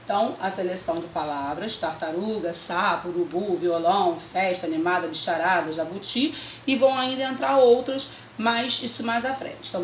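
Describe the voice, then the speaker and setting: A woman's voice: mid-range voice, a little hiss or hum. A woman teacher, patiently explaining a literacy lesson to parents step by step, often checking in. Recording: echoey room with faint ambience.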